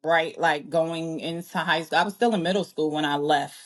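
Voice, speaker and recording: A Jamaican-born woman in her early forties is a guest in a casual interview, rambling, correcting herself and laughing often. Her voice is low and her tone steady, at a moderate pace.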